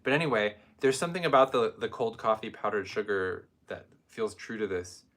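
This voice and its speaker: A man's voice: lowish voice, animated, fairly quick, a bit bright. A man co-hosting a casual perfume review, rambling with wry jokes and asides. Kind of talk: casual chat.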